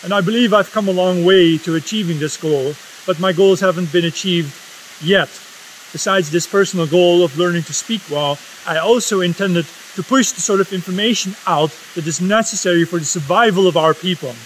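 Standing in a forest, this video essay host, a Netherlands-born man in his fifties whose first language is Dutch, delivers an earnest, solemn and impassioned talk to camera. His voice sits high and moves a little fast, and the rough recording has a little hiss or hum.

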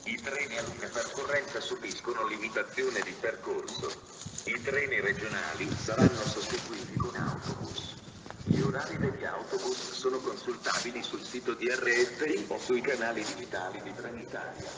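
A man's automated train station announcement, heard over a platform loudspeaker, in flat, measured, spliced-together phrasing. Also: medium pitch. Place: outdoor railway platform. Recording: echoey loudspeaker from far off with noise.

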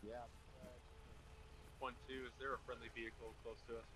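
A man's voice: medium pitch, flat delivery, fairly quick. A man making radio reports and squad chat as a player in a military game. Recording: quiet distant chat, vehicle noise behind.

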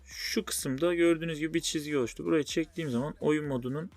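A man's voice: fairly high pitch, steady tone, quick pace, a little mellow. A man hosting a spoken phone tutorial, explaining things step by step. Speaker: tutorial host. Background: music.

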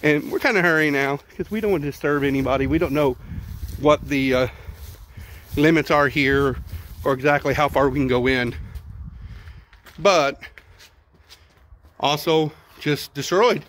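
A middle-aged Texan vlogger walks an outdoor ruined zoo with a handheld phone camera, narrating casually, thinking aloud and repeating words. His voice is a little high and a bit bright, unhurried with long pauses, and there's slight background noise.

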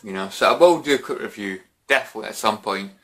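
Bright-voiced young British man, drunk and rambling. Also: lowish voice, quick pace. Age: young adult. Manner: rambling, repetitive, frequent "you know". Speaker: vlogger. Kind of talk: casual chat to camera. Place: small bedroom at home.

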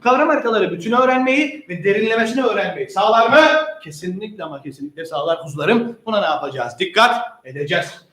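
Animated high-voiced male lecturer, echoey room. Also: quick pace, few pauses. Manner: animated, playful, slangy, asks and answers own questions. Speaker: teacher. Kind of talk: exam-prep lecture.

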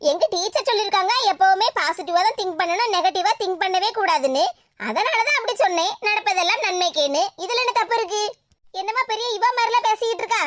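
A woman doing a cheeky, shrill cartoon girl. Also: expressive, fast, dry recording. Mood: defiant. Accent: Tirunelveli Tamil. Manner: cheeky, argumentative. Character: cheeky young girl, teasing and defiant. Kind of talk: cartoon voice acting.

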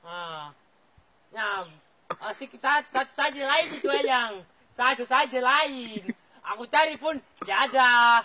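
Man, very high pitch, piercing bright tone, fed up and pleading, on the phone outdoors. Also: measured pace, rough recording. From Filipino Suluk. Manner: exasperated, complaining, pleading. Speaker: plantation worker on a phone call. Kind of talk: phone call. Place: outdoors, up a tree.

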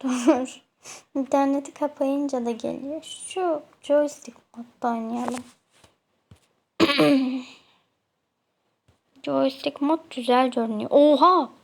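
A woman's voice: high-pitched, gravelly, darkish tone. A young woman from Turkey chatting casually while playing a game, scolding other players with mock annoyance. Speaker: gamer. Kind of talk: casual gameplay commentary.

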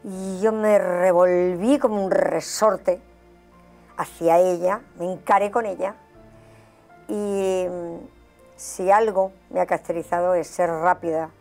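A woman giving her personal testimony in an interview. She tells it as an animated story and acts out the dialogue. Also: on the low side, takes it slowly, faint music behind.

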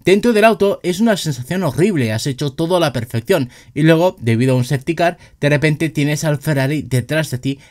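A man narrating a scripted sports news roundup, reading quotes in an even tone. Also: on the high side, fairly quick, hardly any pauses.

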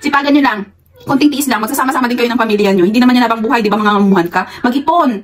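A woman's voice: on the high side, racing. A woman with a Filipino accent, a worker abroad who chats casually to her viewers, laughing often and giving encouraging advice. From Philippines. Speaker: vlogger. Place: employer's home abroad.

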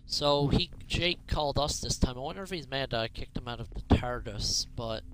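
A man's voice: medium pitch, brisk, fairly bright tone, slight background noise, natural voice, poor audio. Man playing a wry, puzzled time traveller. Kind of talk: improvised game role-play.

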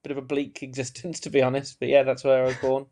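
A man's voice: mid-range voice, quick pace. A man, a guest on a video call, telling his story frankly and easily from a small room at home. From Romania. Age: 30s. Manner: frank, relaxed storytelling with light laughs. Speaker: interview guest. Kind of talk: recorded video-call interview. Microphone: webcam on a video call.

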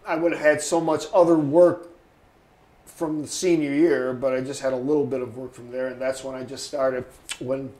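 A mellow, level mid-range voice at normal speed belongs to a photographer in his sixties being interviewed for an oral history. He's a rambling storyteller who slips into other people's voices when quoting them. Faint noise and echo fill the room.

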